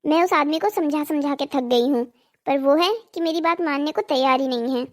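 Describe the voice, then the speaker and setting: A woman's voice: high voice, normal speed, close to an everyday voice. A woman voicing a greedy, nagging village wife in a cartoon drama, scolding and pleading.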